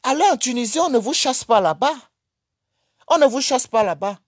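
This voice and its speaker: A man's voice: very high-pitched, animated, normal speed. A man with a Cameroonian French accent ranting on a livestream in a mocking, insulting way, repeating his jabs and delivering them in a honeyed tone. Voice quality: honeyed, sweet-toned insults. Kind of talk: livestream rant.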